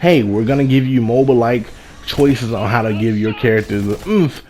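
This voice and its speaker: A man's voice: medium pitch, moderate pace, a little mellow. Man reviewing games over background noise. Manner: repeats and rephrases himself for emphasis. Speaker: video game reviewer. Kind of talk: casual spoken game review, first impressions.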